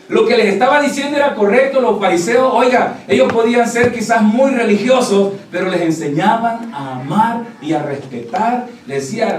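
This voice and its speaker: High-voiced preacher in an echoey church. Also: male voice, slight background noise. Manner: preaching with rhetorical questions, addressing listeners as brother. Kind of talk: sermon. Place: church hall. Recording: roomy church recording from a distance.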